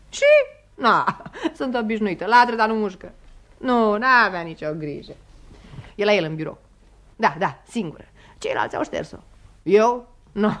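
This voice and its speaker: An actress playing an excitable fifty-year-old female telephonist, in theatrical 1960s radio acting on an old recording. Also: medium pitch. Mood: chatty. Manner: theatrical, shrieking in fright, quick to laugh.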